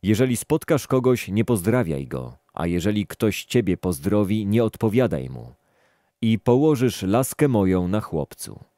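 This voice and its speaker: A man's voice: lowish voice, big pitch swings, measured pace, mellow, dry recording, studio quality. A man reading as a stern old prophet. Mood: solemn.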